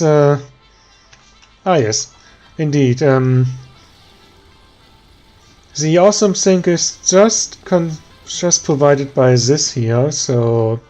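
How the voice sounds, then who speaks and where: A man with a German accent giving tired, slow let's play commentary, thinking aloud with many pauses and ums. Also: fairly high pitch, dark tone. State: tired, yawning. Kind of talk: relaxed gameplay commentary.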